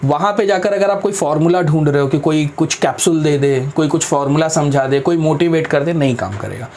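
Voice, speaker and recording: Man, interview guest, firm and practical, slightly high voice, faint background hum. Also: brisk, a little mellow. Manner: firm, practical, mixes English into Hindi; addresses interviewer respectfully as sir. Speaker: guest speaker on careers. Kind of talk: explanatory interview talk.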